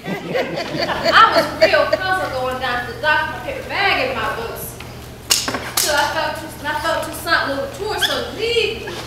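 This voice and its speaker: Woman performing a spirited storyteller recalling girlhood. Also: noisy background. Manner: lively storytelling, colloquial, with quick leaps up in pitch. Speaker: stage actor. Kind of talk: dramatic monologue in a staged reading. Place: theater stage. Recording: roomy hall.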